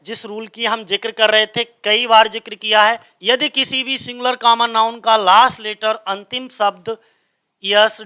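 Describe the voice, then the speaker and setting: A high-pitched male teacher, explaining grammar rules to a class. His voice is bright and clear, and he keeps putting a question to the room and answering it himself. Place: coaching centre classroom.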